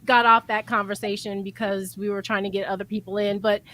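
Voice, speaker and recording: A woman's voice: mid-range voice, level tone, brisk, bright, forceful tone. A woman hosting a livestream talk show, prompting guests and laughing often. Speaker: podcast host.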